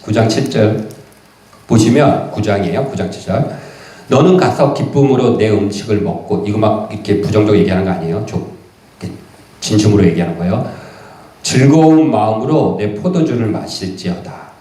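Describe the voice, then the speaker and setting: A man preaching a sermon as pastor, in lively conversational speech. He reads verses slowly, then puts them in casual everyday words. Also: on the low side, echoey room. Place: church sanctuary.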